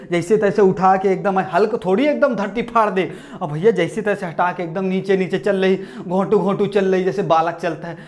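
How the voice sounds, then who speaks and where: A young male stand-up comedian with a high voice does a comic movie retelling, shouting at the screen and acting out every character like a rustic storyteller. He's in a small indoor room with posters, wearing a lapel mic, with the camera at mid distance.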